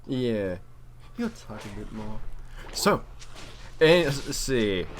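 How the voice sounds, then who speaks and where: Speaking slowly in a sing-song, mid-range voice, this man plays and comments on a game with wry, casual remarks, mild swearing and trash talk. It's a clearly noisy home recording.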